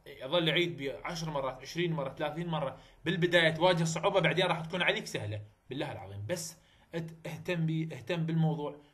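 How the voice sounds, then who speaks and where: A man's voice: a little high, a bit bright. Iraqi man teaching English sounds. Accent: Iraqi Arabic. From Iraq. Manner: repeats example words slowly, coaching directly. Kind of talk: phonetics lesson.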